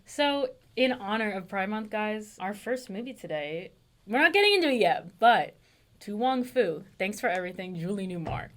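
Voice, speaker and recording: A young woman co-hosts a podcast in a loose, casual way. She is playful and quick to laugh. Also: mid-range voice, sing-song. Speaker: co-host. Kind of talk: casual chat.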